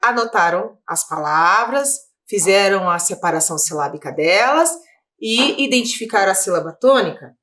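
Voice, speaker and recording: A woman's voice: mid-range voice, expressive, normal speed, fairly bright tone. A woman teacher from Brazil giving a recorded video lesson for children, explaining step by step and often checking in with her pupils. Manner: patient, explaining step by step with frequent check-ins.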